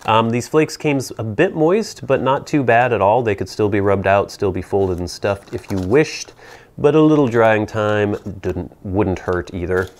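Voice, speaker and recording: A man in his thirties or forties giving an informal product review to camera, explaining in a measured, casual way with playful asides. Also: fairly low pitch, lively intonation. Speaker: pipe tobacco reviewer. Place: small indoor set with plain backdrop. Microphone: lapel mic.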